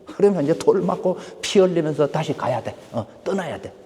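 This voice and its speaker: A man preaching to his congregation, his voice swinging widely from loud peaks to hushed drops. The tone is mellow and dark, and the long reverb of a large church hall trails behind every phrase. He keeps asking his listeners questions as he preaches. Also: on the high side, animated, fairly quick. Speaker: pastor. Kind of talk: sermon. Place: church sanctuary.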